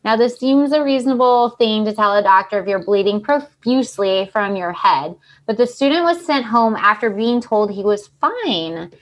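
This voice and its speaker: A woman co-hosting a podcast, chatting and reading stories aloud in an animated way with chatty asides. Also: medium pitch, moderate pace, hardly any pauses. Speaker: podcast co-host.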